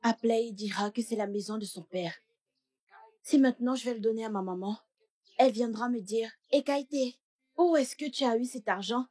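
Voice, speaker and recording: An actress dubbing a brash, talkative young village woman who thinks aloud and fires back quick retorts. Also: on the high side, a little mellow, close to an everyday voice. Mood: excited. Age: young adult. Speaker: dub actress. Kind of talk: dubbed film acting.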